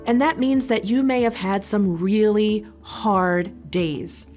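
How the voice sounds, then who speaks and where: A woman social worker giving a calm, reassuring educational talk, speaking directly to the listener. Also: medium pitch, slow, soft background music.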